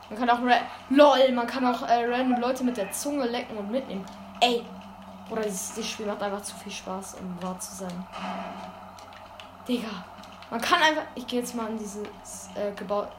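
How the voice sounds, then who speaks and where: A woman giving casual gameplay commentary, excitable and full of youthful slang, breaking into sudden loud exclamations. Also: fairly high pitch, normal speed. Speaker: let's play gamer. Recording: constant background noise.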